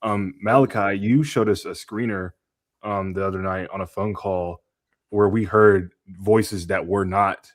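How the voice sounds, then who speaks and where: A male voice artist in a casual group chat, measured and explanatory with fillers. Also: deep voice, steady tone, dry recording, studio quality. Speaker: voice artist, panel regular.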